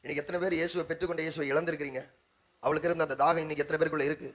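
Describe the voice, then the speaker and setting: A man's voice: a little high, little pitch movement, very fast, fairly bright tone. A man preaching a sermon as pastor, with a Tamil accent, calling on the congregation to answer and repeating phrases in rising, rhythmic exhortation. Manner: call-and-response preaching, prompting the congregation.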